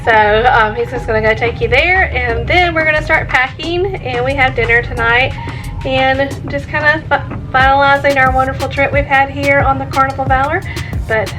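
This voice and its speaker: A woman's voice: high-pitched, steady tone, moderate pace, over music. A woman chatting casually to the camera as a travel vlogger.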